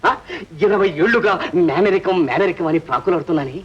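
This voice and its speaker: An actor playing a pompous, boastful father with a husky voice in an old film. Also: high-pitched, fast, lo-fi sound, a little hiss or hum, natural voice. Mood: aggrieved boasting. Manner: pompous, blustering. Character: boastful proud middle-aged father of a lawyer daughter.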